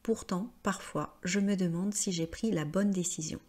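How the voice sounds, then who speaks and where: A woman's voice: fairly low pitch, moderate pace, a little mellow, lightly acted. A woman reading as a thirty-year-old woman. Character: thirty-year-old woman recounting her love life. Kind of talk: read-aloud text.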